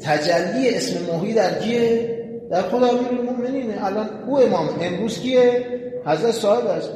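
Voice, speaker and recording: A man preaching a sermon, retelling a story with animation and calling on his listeners to pay attention. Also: sits high. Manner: addresses the audience directly, animated retelling. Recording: echoey hall with long reverb, faint noise.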